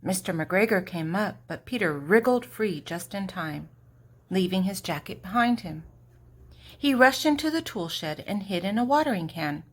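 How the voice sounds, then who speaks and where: Her medium-pitched voice slightly rough but lively in intonation, an older woman tells a children's storybook expressively. Deliberate pauses and strong emphasis add drama.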